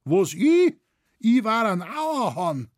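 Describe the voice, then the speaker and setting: A man's voice: sits high, big pitch swings, measured pace, dark tone, no echo, clean studio sound, voice pushed up, heavily acted. A man voicing a frightened, dim-witted village hunter who talks in a Bavarian dialect, pleading and panicky. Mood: shrill protest.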